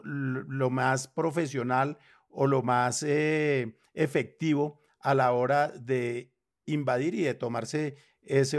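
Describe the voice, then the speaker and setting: A Colombian man co-hosting a podcast, arguing his points in a measured way. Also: medium pitch. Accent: Colombian Spanish. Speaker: podcast co-host. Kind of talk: casual panel chat.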